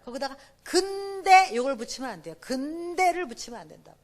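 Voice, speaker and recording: A middle-aged woman giving a parenting seminar talk at church. She swings between hushed asides and loud, emphatic exclamations, acts out dialogue and has the audience repeat phrases after her. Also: sits high, animated, fairly quick. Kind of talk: church family seminar talk with personal stories.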